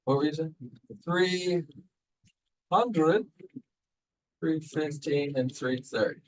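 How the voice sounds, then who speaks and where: A man's voice: fairly high pitch, slow, poor audio. A man teaching a math class, talking casually and quizzing students with repeated prompts. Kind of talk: classroom lecture.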